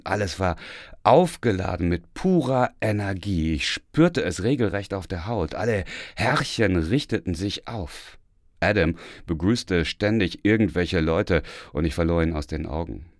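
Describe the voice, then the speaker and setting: A man reading a first-person memoir as an audiobook, telling it in a lively storytelling manner. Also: low-pitched, no echo, studio quality. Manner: lively, storytelling with acted dialogue. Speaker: audiobook reader.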